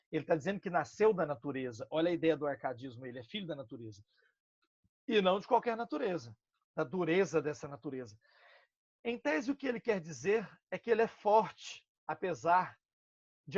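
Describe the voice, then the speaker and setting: A man from Brazil teaching a literature lesson, talking straight to his students with slang and quick asides. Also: on the high side, slightly rough, no room sound, muffled recording. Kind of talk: recorded online lesson.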